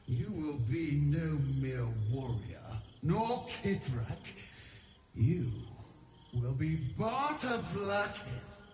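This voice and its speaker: A woman's voice: a bass voice, roomy sound, slight background noise, full character voice. An actress playing a wrathful, grandiose lich queen in a video game, commanding and theatrical, drawing out her words. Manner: commanding, grandiose, drawn-out delivery with shouted outbursts.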